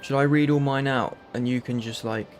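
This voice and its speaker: A man's voice: mid-range voice, fairly even intonation, normal speed, a little hiss or hum. A man with a London accent, casually reading through a list of game mods with a friend. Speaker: streamer. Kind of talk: casual gaming chat.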